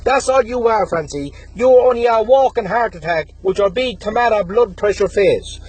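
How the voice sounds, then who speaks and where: A man's voice: high-pitched, animated, normal speed, a little mellow, low-quality recording. A young Irish man in his twenties, delivering an aggressive, taunting callout rant and threatening a rival. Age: 20s. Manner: aggressive, taunting, threatening, repeats the target's name again and again. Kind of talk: angry callout rant to camera.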